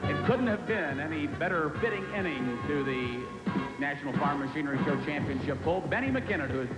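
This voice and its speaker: A man's voice: fairly high pitch, lively intonation, brisk, roomy sound. An American man in the manner of a tractor pull announcer, giving commentary and putting questions to competitors. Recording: loud music and engines behind. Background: loud music and engines.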